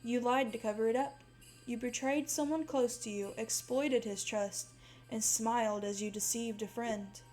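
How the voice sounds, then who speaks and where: A woman's voice: fairly even intonation, normal speed, a little mellow, soft background music, natural voice. A woman reading aloud, voicing a menacing male holiday demon who pronounces judgment with malicious glee. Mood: gloating judgment. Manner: booming, gleefully malicious pronouncements. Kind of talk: horror story reading.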